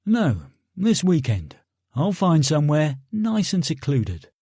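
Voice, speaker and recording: A man's voice: a little high, sing-song, takes it slowly, mellow, breathy edge, no echo, heavily acted. A man voicing a blunt, weary British soldier in an audiobook, talking in a curt, dry way.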